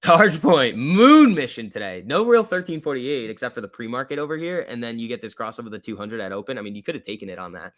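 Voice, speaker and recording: A man's voice: medium pitch, sing-song, quick pace, hardly any pauses, fairly bright tone, no echo, studio quality. A man hosting a live stock trading stream, chatting casually in slangy, chummy off-the-cuff commentary as he answers viewers. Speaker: stock trading livestream host.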